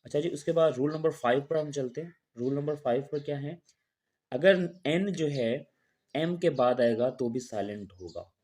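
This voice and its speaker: A man's voice: medium pitch, normal speed, darkish tone. A man teaching an English pronunciation lesson, explaining rules step by step. He talks patiently, repeats each rule and example, and asks questions that he answers himself.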